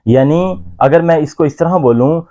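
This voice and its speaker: A man's voice: a little high, normal speed, mellow, dull audio. A man teaching English pronunciation in a YouTube lesson, speaking carefully and over-articulating the English examples.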